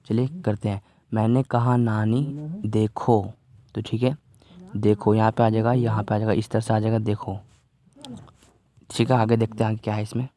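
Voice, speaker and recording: A man's voice: fairly low pitch, dark tone. A man teaching a worksheet lesson to young children in a casual, patient way, often repeating himself and asking if they follow. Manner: patient, repeats phrases and keeps asking "theek hai?".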